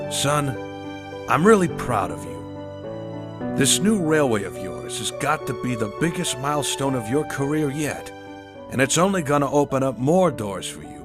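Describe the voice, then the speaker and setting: A proud father , acted by a man, voices a letter to his son as drama narration. He is earnest and measured, with an average-pitched male voice. Music plays clearly behind him. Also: close to an everyday voice. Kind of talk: letter read aloud as dramatic voice-over.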